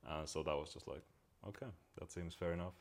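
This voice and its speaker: A man from Finland, a guest talking reflectively and pausing to search for words. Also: low voice, steady tone. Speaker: podcast guest. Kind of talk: casual conversation.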